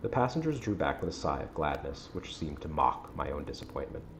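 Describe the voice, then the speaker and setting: A man reading a gothic novel aloud with a measured, dramatic storytelling delivery. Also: very deep voice, big pitch swings, slight background noise. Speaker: audiobook-style reader on a stream.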